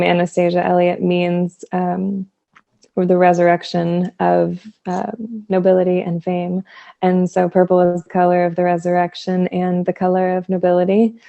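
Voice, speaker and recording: A woman's voice: on the low side, gravelly, warm tone, dull audio. A woman from Texas, a musician guest in a casual interview over a video call, enthusiastic and laughing often. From Texas, USA.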